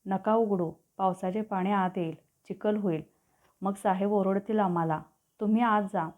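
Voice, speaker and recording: A woman's voice: mid-range voice, fairly even intonation, normal speed, lightly acted. A woman voicing a polite young maid who speaks respectfully and coaxingly, in a storybook reading. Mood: scolding gently. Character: polite young female hotel maid, deferential. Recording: tinny phone-like audio.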